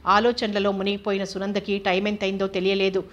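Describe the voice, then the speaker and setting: A woman's voice: medium pitch, completely flat delivery, brisk, muffled recording. A woman reading a novel aloud as a narrator, voicing every character in her own voice. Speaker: audiobook narrator.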